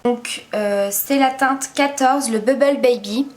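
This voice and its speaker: A woman's voice: fairly high pitch, takes it slowly, a little mellow, soft background music. A woman giving a casual makeup product review as a beauty vlogger, chatty and enthusiastic, with lots of hesitant fillers. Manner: enthusiastic, gushing about products.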